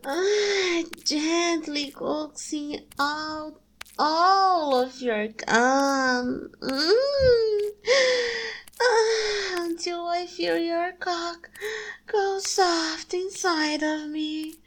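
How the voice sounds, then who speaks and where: A woman voicing a doting female succubus in an erotic audio roleplay, speaking softly and soothingly with breathy moans between phrases. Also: extremely high pitch, heavily acted. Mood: doting, aroused. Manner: slow, cooing, soothing. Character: doting adult female succubus, soft motherly lover.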